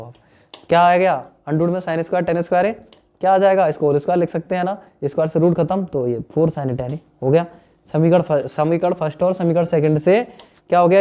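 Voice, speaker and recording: Chatty young man teaching maths, bright-pitched. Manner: chatty, addresses students as "dear friends", asks "understood or not?". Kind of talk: classroom lesson explaining solutions.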